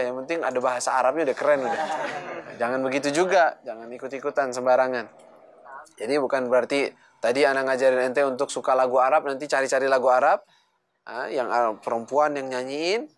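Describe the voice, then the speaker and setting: A man's voice: mid-range voice, steady tone, fairly quick. A man giving a conversational religious lesson, asking and answering his own rhetorical questions. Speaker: religious teacher. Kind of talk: sermon.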